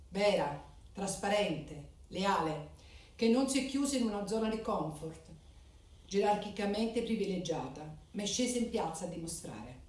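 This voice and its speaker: A woman reading a formal ceremonial speech in measured, declamatory phrases. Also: mid-range voice, a little mellow. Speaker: speaker at a club charter ceremony. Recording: echoey hall, voice from far off.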